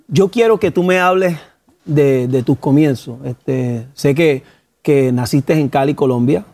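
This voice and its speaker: A man with a Puerto Rican Spanish accent hosting a casual talk show interview in a studio with a live audience, lively and hyped at first, then softer and respectful. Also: a little high, unhurried.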